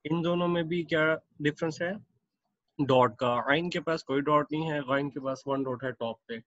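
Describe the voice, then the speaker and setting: A man teaching Quran reading, explaining Arabic letters with English words mixed in and repeating each letter pair slowly and at length. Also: a little high, a bit bright, no room sound, lo-fi sound.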